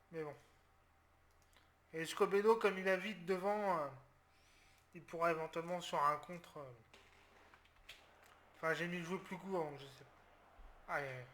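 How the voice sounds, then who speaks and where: A man from France commenting live on his football game, tense and talking through his tactics, with outbursts when things go wrong. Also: a little high. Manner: tense, talks through his tactics, bursts into loud outcries. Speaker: gaming video creator.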